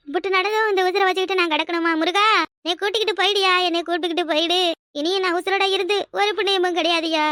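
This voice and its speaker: A melodramatic village mother, played by a woman for a cartoon, lamenting and sobbing in Kanyakumari Tamil. The voice sits very high. It is recorded dry and close. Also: a bit bright, dry recording. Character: wailing middle-aged village mother, dramatic. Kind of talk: cartoon voice acting.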